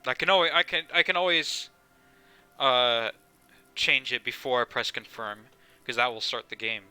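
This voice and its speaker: Young guy streaming, bright sharp voice, rambly and swears a bit, soft game music. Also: medium pitch, lively intonation, normal speed, clean tone. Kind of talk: casual live gameplay commentary.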